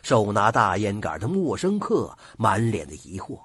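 A husky male storyteller tells a folk ghost story with wide, swooping pitch. The recording is dry and close, with no room sound. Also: wildly swooping pitch, moderate pace, a bit bright, no echo. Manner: dramatic, sweeping pitch.

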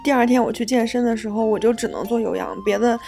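Brief: woman in her twenties, podcast co-host, animated storyteller, fairly high voice. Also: quick pace, vocal fry, faint music behind. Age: 20s. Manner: lively storyteller, acts out the people in her stories. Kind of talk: casual chat.

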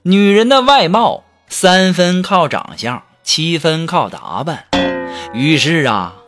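A man's voice: fairly high pitch, lively intonation, slow, a bit bright. A man telling funny stories and jokes in a humorous monologue, with a playful, teasing and chatty manner. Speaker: comedic storyteller. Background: background music.

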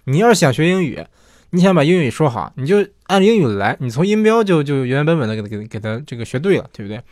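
A man's voice: on the high side, sing-song, quick pace, darkish tone, no echo. Chatty man with a dry, close sound. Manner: chatty, rephrases often, asks "对不对" for agreement. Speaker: host answering listener questions. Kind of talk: casual explanatory monologue.

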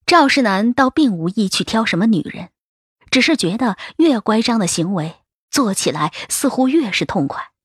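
A woman narrating a novel as an audiobook in a steady, even storytelling voice. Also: on the high side, moderate pace, slightly rough, dry recording, studio quality.

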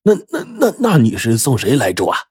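A man's voice: medium pitch, wildly swooping pitch, brisk, a little mellow, husky, no echo, studio quality, exaggerated voice. A man voicing a blunt, nosy elderly man in a nursing home who pries and protests. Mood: curious. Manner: prying, indignant.

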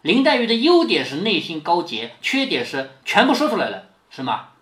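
In a roomy, echoing recording, a father with a high-pitched voice reads a classic novel to his daughter at a moderate pace. He explains as he goes, checking frequently with rhetorical questions, and lively acts out the quoted lines.

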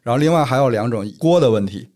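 A man's voice: medium pitch, expressive, quick pace, darkish tone. A man from northern China, co-hosting a casual chat and telling stories at length. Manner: storytelling, explains at length. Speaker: podcast co-host.

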